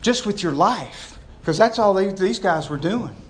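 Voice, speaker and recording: A man with a high voice and lively intonation preaches at a measured pace in an informal, conversational sermon full of folksy turns of phrase, calling listeners "gang," "boys," and "y'all." He often puts direct questions to the congregation, and a little hiss or hum is audible.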